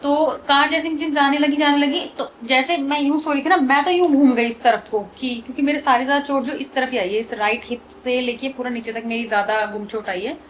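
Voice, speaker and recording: Fast, high-voiced young woman vlogger. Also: slight background noise. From Uttarakhand. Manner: fast animated retelling of an accident. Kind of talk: casual storytelling.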